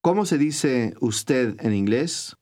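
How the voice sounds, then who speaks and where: A man giving scripted instructions in a recorded language course, speaking in a clear, measured teacher's manner. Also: mid-range voice, expressive, a little mellow.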